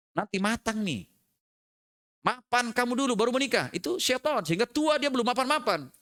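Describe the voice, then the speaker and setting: Man, sermon, high voice, slow chanted recitation, lively joking asides. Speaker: preacher. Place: prayer room.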